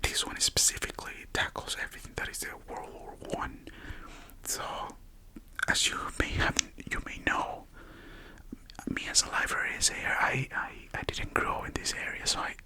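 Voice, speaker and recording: A soft-spoken librarian character, voiced by an ASMR performer, explains things in a hushed library whisper. The role-play delivery is halting and full of self-corrections.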